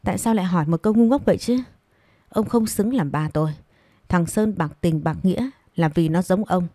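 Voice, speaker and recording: A woman's voice: lowish voice, brisk, dark tone, no echo, clean studio sound, natural voice. A woman playing a defiant indignant daughter. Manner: indignant, cutting.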